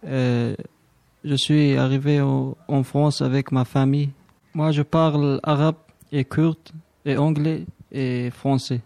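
A young male student from Syria introduces himself slowly and haltingly. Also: mid-range voice, flat delivery, creaky, dark tone. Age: young adult. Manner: slow and halting.

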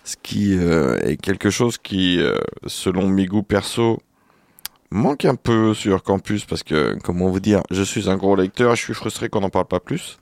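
Low-voiced man hosting a radio show. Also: expressive, unhurried, vocal fry, darkish tone, dry recording, clean studio sound. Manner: hesitant, many fillers and restarts. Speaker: radio host. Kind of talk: casual radio chat.

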